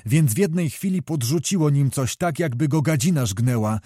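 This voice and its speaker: A man narrating a historical novel as an audiobook in a measured, even storytelling manner. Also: a little high, no echo, studio quality.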